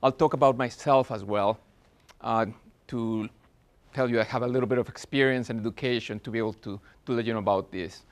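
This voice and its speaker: Steady in tone and medium in pitch, this man talks a little fast. He's in his forties, has a Spanish accent, and presents at a business workshop in an earnest manner, with frequent restarts and fillers.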